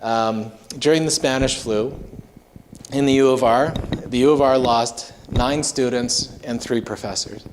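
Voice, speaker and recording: A man leads an informal ghost tour in a mid-pitched voice. He explains things conversationally and haltingly, feeling his way through each story. Clear background noise and clicks run through the recording. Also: rough recording.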